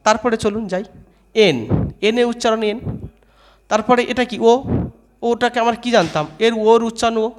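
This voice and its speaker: A man giving a spoken lesson on how to say letters, asking questions, answering them himself and repeating each sound slowly. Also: sits high. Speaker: English teacher.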